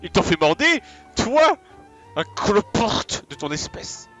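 A bullying castle guard, as a man puts him on in a raised, mocking voice, throwing loud insults. The voice sits somewhat high, with faint game music behind. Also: very animated, takes it slowly, heavily acted.

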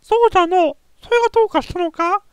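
Very high-voiced woman in old-fashioned dialect. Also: fast talker, no room sound. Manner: talks in old-fashioned elderly dialect, playful and boastful. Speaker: game commentator. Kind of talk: casual let's play commentary.

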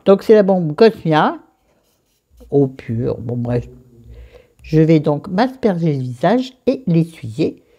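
Lively low-voiced woman vlogging. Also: slow, long pauses, slightly rough. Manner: chatty, rambling, self-mocking, with crude asides. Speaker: beauty vlogger. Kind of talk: casual skincare vlog. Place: bedroom at home.

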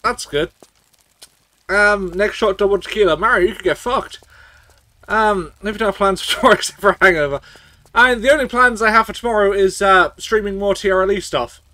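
Bright-voiced swearing man streaming a game. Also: sits high, brisk. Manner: swearing, rambling, tipsy from drinking shots. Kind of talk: casual gameplay commentary.

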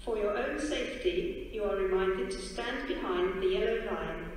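A woman's voice: mid-range voice, expressive. Woman's spliced automated station announcements. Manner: measured, evenly clipped phrasing. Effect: spliced together prerecorded words. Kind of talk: automated public address announcements. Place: railway station platform. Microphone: heard through station loudspeakers. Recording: echoey station loudspeaker with platform noise. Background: station ambience.

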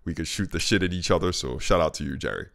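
A vlogger in his thirties from Haiti talks casually and candidly to camera in his home kitchen, packing his speech with fillers. His low voice is fast, with vocal fry and a fairly bright tone. He speaks into a studio mic on a stand in front of him for this talking-head vlog.

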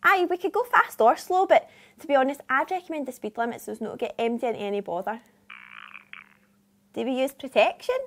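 A woman's voice: sits high, brisk, fairly bright tone, a little hiss or hum. A young woman with a broad Scottish accent playing a chatty, naive, eager taxi dispatcher in a comedy sketch. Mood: cheerful, obliging. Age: young adult. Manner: chatty, colloquial. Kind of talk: acted comedy sketch, chatty customer-service talk. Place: small office, indoors.

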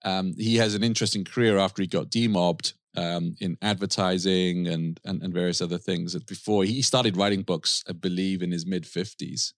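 A man's voice: deep voice, fairly even intonation, moderate pace, hardly any pauses, dry recording, studio quality. A man hosting a podcast, giving a casual, enthusiastic book review with frequent restarts. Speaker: podcast host.

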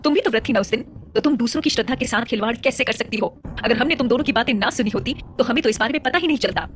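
A woman's voice: fairly high pitch, expressive, fast talker, a little hiss or hum, close to an everyday voice. A woman voicing a stern, angry mother of a royal household, scolding and demanding answers.

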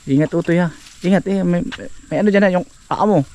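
A man's voice: sits high, a little fast, darkish tone. A man vlogging outdoors in rural woodland, chatting casually and coaxing and cautioning someone as he goes. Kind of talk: casual outdoor vlog narration.

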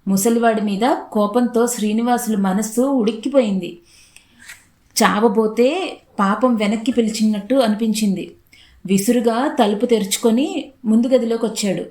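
A woman reading a literary short story aloud in a steady, unhurried narrating voice. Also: a little high, reverberant.

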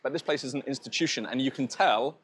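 A man's voice: medium pitch, quick pace, fairly bright tone, breathy edge. A man tasting and describing street food in a casual food vlog, chatty and enthusiastic, laughing at himself now and then. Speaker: food vlogger. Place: restaurant and bakery in Thailand.

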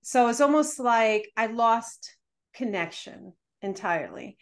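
Animated woman in her forties. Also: on the high side, a little slow. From Dominican Republic. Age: 40s. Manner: animated, reflective storyteller. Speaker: guest. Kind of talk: conversational storytelling. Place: home living room. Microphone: video call.

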